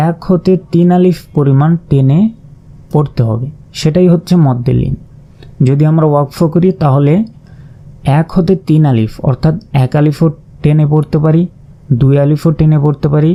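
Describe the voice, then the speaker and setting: A man's voice: a little high, warm tone. A man teaching Quran reading, spelling out letters and vowel marks one by one, then drawing out the sounds. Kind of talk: slow step-by-step recitation lesson. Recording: slightly dull lo-fi sound.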